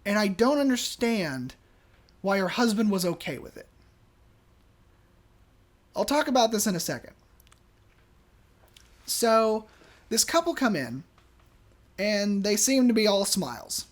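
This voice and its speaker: A podcast host casually telling a work story, animated and chatty, acting out the people in it. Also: mid-range voice, unhurried, long pauses. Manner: chatty, many fillers and restarts.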